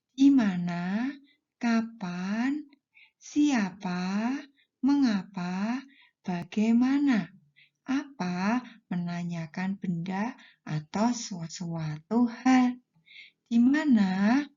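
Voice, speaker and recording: Slow, husky woman teacher. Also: medium pitch, warm tone, highs cut off. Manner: slow, deliberate explaining to pupils. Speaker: primary school teacher. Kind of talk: classroom lesson for children.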